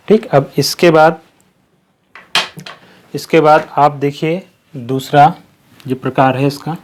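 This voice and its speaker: A male Hindi grammar teacher with a somewhat high-pitched voice. He walks through the lesson slowly, drills each point by repeating it, and poses questions that he answers himself. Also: steady tone, a little hiss or hum. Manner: slow, repetitive explaining with questions to the class. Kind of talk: classroom-style lesson.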